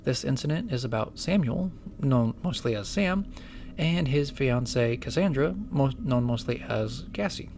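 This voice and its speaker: A man's voice: mid-range voice, lively intonation, measured pace, creaky, a little mellow, a little hiss or hum. A man playing a nervous, deferential young apprentice investigator in an audio drama, hesitant and apologetic. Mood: hesitant, reporting.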